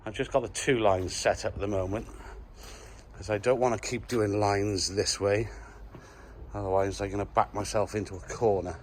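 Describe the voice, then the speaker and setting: In a casual work vlog, a man lays a patio outdoors while talking to the camera in a chatty, jokey way. He's the installer filming his own work, with a lowish voice, fairly even intonation and a moderate pace. A little hiss or hum is audible.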